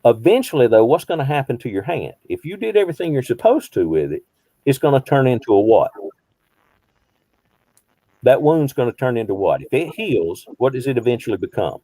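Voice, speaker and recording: Warm and medium-pitched with big pitch swings, the voice belongs to a behavioral health counselor in his fifties who talks fairly quickly. He teaches a small group conversationally, leaning on rhetorical questions and repeated phrases for emphasis, with no echo in the recording.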